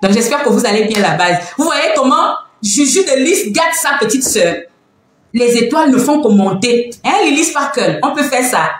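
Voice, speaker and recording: A woman hosting a live stream from home, chatting casually with a teasing, animated delivery and frequent laughter. Her voice sits a bit high. The sound is very roomy and echoey, with a faint hiss of background noise. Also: moderate pace.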